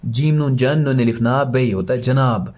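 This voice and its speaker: A man's voice: medium pitch, a little mellow. A man teaching a first-grade lesson, spelling words letter by letter and patiently encouraging young pupils. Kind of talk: children's alphabet lesson.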